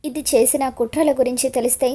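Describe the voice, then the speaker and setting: A woman voicing a furious young man who shouts his accusations. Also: high-pitched, steady tone, quick pace, husky. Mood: angry accusing.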